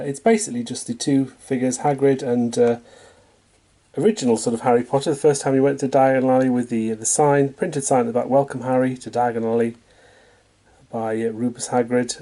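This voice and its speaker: A British man giving a casual, unhurried product review at home, chatty and self-deprecating. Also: medium pitch, dark tone. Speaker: toy set reviewer. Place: home, at a tabletop.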